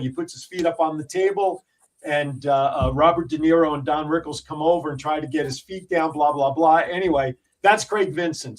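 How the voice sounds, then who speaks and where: A man's voice: on the high side, far from the mic, low-quality recording. A man hosting a radio talk show, telling stories with lots of fillers and restarts. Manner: animated storyteller, many fillers and restarts. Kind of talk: casual radio talk and storytelling.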